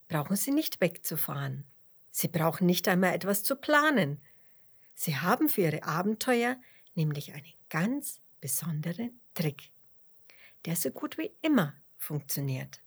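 A woman reading a children's story in a soft, gentle, half-whispered way. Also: on the low side, very animated, unhurried, husky. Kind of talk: children's bedtime story narration.

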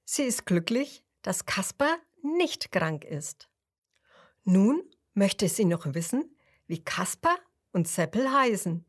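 A woman's voice: medium pitch, big pitch swings, takes it slowly, slightly rough. A woman narrating a children's story and speaking directly to the child listening.

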